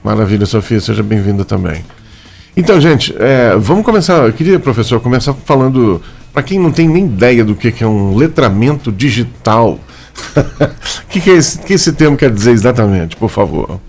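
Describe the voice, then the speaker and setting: A man's voice: mid-range voice, animated, moderate pace, gravelly, darkish tone, faint music behind. A man with a Brazilian accent hosting a radio interview in a studio, chatty and jokey, full of fillers. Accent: Brazilian Portuguese. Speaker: radio host. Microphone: studio microphone.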